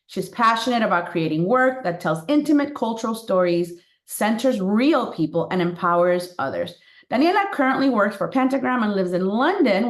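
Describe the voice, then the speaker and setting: A chatty woman hosts an interview, upbeat and quick to laugh. Her voice sits at a middling pitch. It rings a little in a roomy space. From Miami, Florida. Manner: upbeat, laughs often, drops Spanish words. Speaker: podcast host. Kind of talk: casual interview. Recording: roomy echo.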